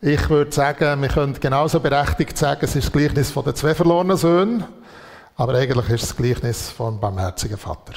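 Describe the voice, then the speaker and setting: Preacher in a reverberant hall. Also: male voice, medium pitch, fast talker. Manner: reflective, with many fillers. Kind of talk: sermon.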